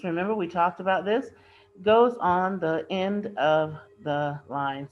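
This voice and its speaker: A woman teacher walks students through a workbook lesson on video, patiently repeating and rephrasing each key term. Her voice sits fairly low. The recording is dull and lo-fi. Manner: reads poem aloud with stressed line endings.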